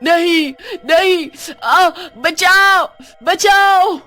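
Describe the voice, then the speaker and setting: A woman voicing a bitter, vengeful female witch in an animated horror story, menacing and cruel. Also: mid-range voice, normal speed, natural voice. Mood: wailing. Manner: menacing, then wailing in pain. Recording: faint music underneath.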